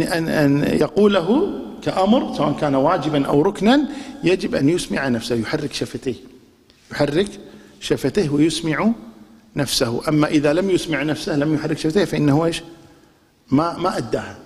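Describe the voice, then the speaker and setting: A man's voice: a little high, lively intonation, brisk, a little mellow. Kuwaiti man teaching in an echoing hall. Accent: Kuwaiti Arabic. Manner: poses rhetorical questions and drills answers with the class; demonstrates pronunciations by repeating them aloud. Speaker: religious teacher. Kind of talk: religious lesson. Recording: long reverb of a large hall.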